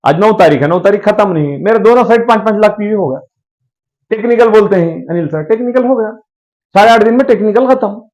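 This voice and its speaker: A man's voice: fast, poor audio. A man leads a business training session, talking animatedly, calling his listeners sir and acting out little dialogues. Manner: animated, swings pitch, acts out quoted dialogue.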